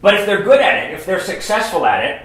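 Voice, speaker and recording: A man preaching a sermon, telling a story in short phrases and pausing for his interpreter. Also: sits high, big pitch swings, a bit bright. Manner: storytelling, pauses line by line for the interpreter. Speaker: guest pastor. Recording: very echoey church hall.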